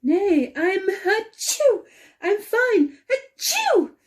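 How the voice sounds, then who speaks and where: Woman acting a sneezy, high-voiced noblewoman squire. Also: lively intonation, moderate pace, mellow, natural voice. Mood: flustered, sneezing. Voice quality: sneezing, breaking words with sneezes. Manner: archaic, courtly speech. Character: sickly noblewoman squire, stubbornly denying her cold.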